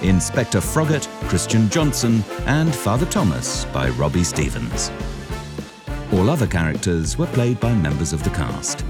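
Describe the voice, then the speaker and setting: A man's voice: low voice, big pitch swings, normal speed. A man reading scripted end credits for an audio drama as its announcer, with music behind him. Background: guitar music.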